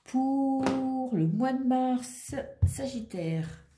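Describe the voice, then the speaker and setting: A woman's voice: sits high, lively intonation, drawn-out words, reverberant, background noise. A woman reading tarot cards in a chatty, reassuring way, thinking aloud as she turns them. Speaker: tarot reader. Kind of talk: casual tarot reading monologue.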